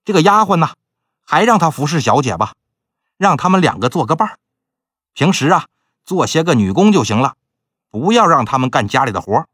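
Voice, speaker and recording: A man telling a folk ghost tale in a lively, conversational, dramatic way. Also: a little high, a little fast, pauses often, slightly rough, dry recording, clean studio sound. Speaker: storyteller host.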